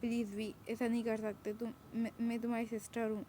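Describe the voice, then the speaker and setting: A frightened young woman who begs and pleads, as a woman narrator puts her on. Her voice stays even and mellow, with little rise and fall. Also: fairly high pitch, a little fast, slight background noise, natural voice. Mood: pleading. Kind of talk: storytelling with acted dialogue.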